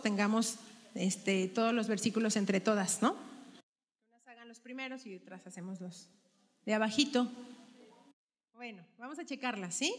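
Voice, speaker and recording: A woman teaching a women's Bible study group, asking questions and checking their answers. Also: fairly high pitch. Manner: asks the group questions and tags them with "¿verdad?". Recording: long hall reverb.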